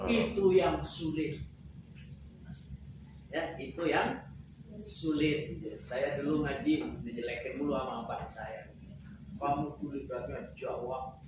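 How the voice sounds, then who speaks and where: A man from Java leads a Quran recitation lesson, quizzing and joking with his students before chanting each verse slowly. His voice sits high and his pace is unhurried. He is heard from far off in a very echoey room with steady background noise. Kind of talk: classroom teaching with chanted recitation. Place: classroom.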